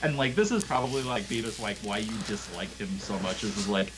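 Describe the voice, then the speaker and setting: A man's voice: fairly low pitch, lively intonation, brisk, noisy background. A young man narrating as game master, rambling and full of fillers.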